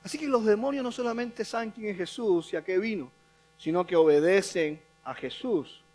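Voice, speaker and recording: Male pastor with a very high voice, emphatic preaching that repeats its points. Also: normal speed, darkish tone. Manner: emphatic, repeating key phrases for stress. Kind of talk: sermon.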